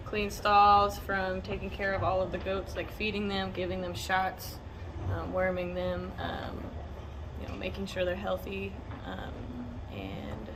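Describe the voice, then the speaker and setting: A woman's voice: mid-range voice, unhurried. A woman chatting casually as a farm worker being interviewed inside a barn, hesitant and thinking aloud. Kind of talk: casual chat. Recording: loud animal and barn noise. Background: animals, loud farm noise.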